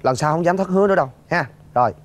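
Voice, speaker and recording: A man's voice: fairly high pitch, racing, lightly acted. An actor playing a young man begging for more time. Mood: pleading. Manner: deferential, apologetic. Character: young man pleading with a creditor. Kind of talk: TV drama acting.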